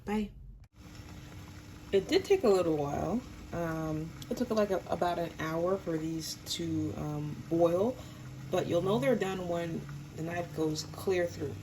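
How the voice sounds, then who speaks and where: A woman hosts a home cooking show from her kitchen, giving a casual, chatty, self-deprecating demonstration. She's under the weather, and the illness shows in her lowish, unhurried voice. Background noise can be heard.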